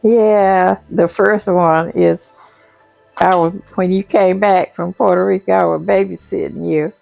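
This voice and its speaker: An older woman, a grandmother slowly telling a family story in casual chat. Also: fairly low pitch, fairly even intonation, gravelly, darkish tone, highs cut off, soft background music. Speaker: grandmother guest.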